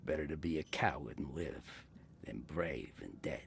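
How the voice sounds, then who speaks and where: An actor playing a gruff, wary tavern bartender in a video game, gravelly, guarded and sardonic. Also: male voice, extremely low pitch, normal speed. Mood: sardonic, ominous. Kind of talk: video game character dialogue.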